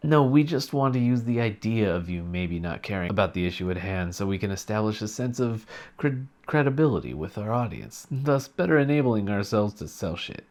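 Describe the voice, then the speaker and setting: Guy doing a dry mock-serious comedy rant, lowish voice. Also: a little fast, hardly any pauses, slight background noise. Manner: mock-earnest, deadpan sarcasm. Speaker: satirical commentator.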